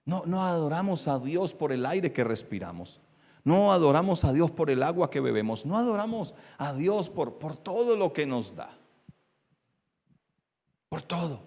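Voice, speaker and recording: Preaching man in a reverberant church. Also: on the high side. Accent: Colombian Spanish. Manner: preaching with rising intensity, then quieter and confiding. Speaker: pastor. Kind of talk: sermon. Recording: long church hall reverb.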